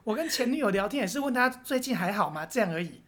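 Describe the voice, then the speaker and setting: A woman's voice: a little high, lively intonation, fast talker, a bit bright. A woman with a Taiwanese Mandarin accent, co-hosting a podcast in casual chat, blunt and teasing and swearing casually. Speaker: podcast co-host.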